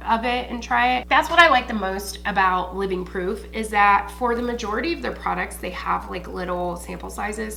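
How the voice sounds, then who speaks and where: Casual American beauty vlogger woman, gravelly fry. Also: medium pitch, pushed and bright, a little hiss or hum. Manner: informal, slangy, swears freely. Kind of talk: casual chatty beauty haul review, like a makeup tutorial.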